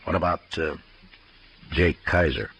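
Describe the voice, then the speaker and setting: An American actor playing a steady, world-weary US marshal in a 1950s radio western, terse, measured and authoritative. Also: male voice, a bass voice, husky, full character voice. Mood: probing, restrained. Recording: noisy old 1950s radio recording.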